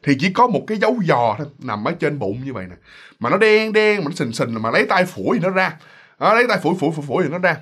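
A man's voice: fairly high pitch, fast, husky. A man telling a ghost story in a chatty way, speaking straight to his listeners and acting out the characters. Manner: chatty and animated, addresses listeners directly, acts out voices.

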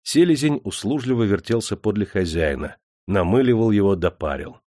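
A man narrating an audiobook in expressive, measured storytelling. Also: on the low side, dry recording, clean studio sound. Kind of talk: scripted narration.

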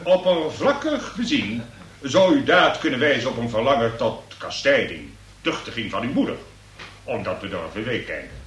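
In a comic radio play, a man plays a pompous, long-winded examining magistrate, pontificating in ornate legal phrases with a medium-pitched, fairly bright voice, big pitch swings, and normal speed. The recording is noisy and echoey, with him distant from the mic.

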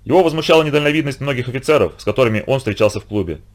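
A male narrator reads an audiobook in a steady storytelling voice. His pitch is middling and his pace quick.

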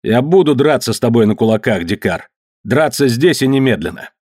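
A man voicing an angry, bullying young leader of a group who shouts accusations in a story reading. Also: medium pitch, lively intonation, fairly quick, dry recording, clean studio sound, close to an everyday voice. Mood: sullen. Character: scornful bullying young gang boss.

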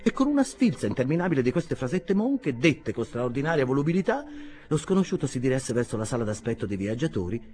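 A man reads a classic novel aloud with animated, swinging intonation and dramatic storytelling. Faint music plays beneath his narration. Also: medium pitch, fast. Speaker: audiobook reader. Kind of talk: expressive literary narration.

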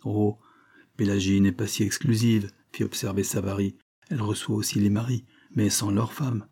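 A man reading aloud, voicing a polite, uneasy Parisian gentleman who speaks with reserve. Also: lowish voice, little pitch movement, moderate pace, slightly rough. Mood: reserved.

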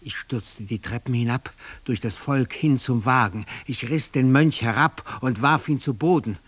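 A man's voice: medium pitch, normal speed, slightly rough, no room sound. A man narrating a literary text aloud in an intense, theatrical first-person dramatic reading.

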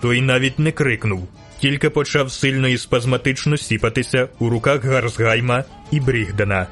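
Guy reading a fantasy audiobook, middle pitch, steady dramatic telling, soft music underneath. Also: normal speed. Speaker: audiobook narrator. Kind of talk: scripted narration.

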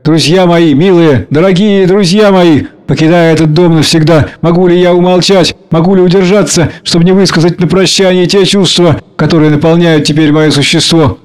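A man's voice: a little high, steady tone, normal speed, few pauses, darkish tone, clean tone, pitched above the performer's own voice, natural voice. A man reading a play aloud and voicing a sentimental, speechmaking aristocrat. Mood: florid. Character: sentimental, rambling aristocratic man, middle-aged.

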